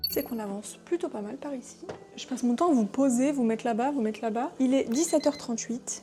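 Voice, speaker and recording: A woman's voice: fairly high pitch, warm tone. A young woman in her twenties chatting casually and teasingly while cooking in her home kitchen. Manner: chatty, teasing, talks to herself. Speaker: vlogger. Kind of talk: casual cooking vlog chat.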